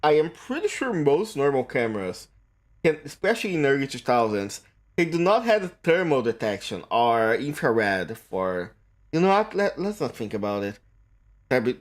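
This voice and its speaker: Lively-voiced man reading game text. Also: mid-range voice. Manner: reads haltingly, stumbles and restarts on words. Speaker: streamer.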